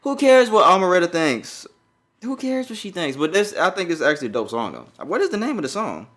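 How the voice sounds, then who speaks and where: Very animated and a little fast, his high, fairly bright voice carries a loose, profane riff on a viral song. He's a young podcast co-host from Jamaica who grew up in New York.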